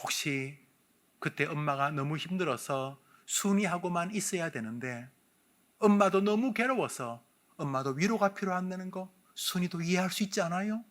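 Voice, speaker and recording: A man's voice: high voice, moderate pace, fairly bright tone. A male pastor giving a sermon, acting out counseling dialogues and coaxing the congregation to join in.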